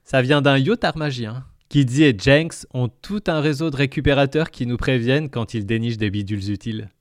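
A man voicing a confident young woman on a spaceship crew, lively and welcoming. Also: medium pitch, a little fast, no room sound, clean studio sound, voice pushed up, lightly acted. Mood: showing around.

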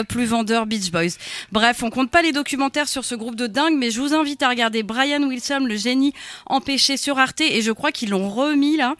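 A woman's voice: on the high side, a bit bright, dry recording. A woman co-hosting a radio music show, chatting casually with lots of fillers and self-corrections. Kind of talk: casual on-air music chat.

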